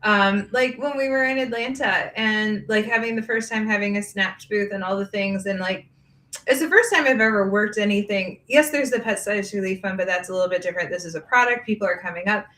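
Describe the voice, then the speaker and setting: A woman's voice: mid-range voice, a little fast, a bit bright. A woman hosting a casual podcast conversation, upbeat and rambling, laughing easily as she talks about running her grooming business. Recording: echoey room.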